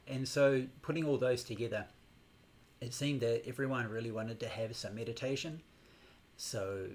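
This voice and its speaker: Middle-aged New man, gravelly voice, meditation teacher opening a live-streamed class, unhurried and hesitant. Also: medium pitch. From New Zealand. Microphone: new microphone on a laptop setup.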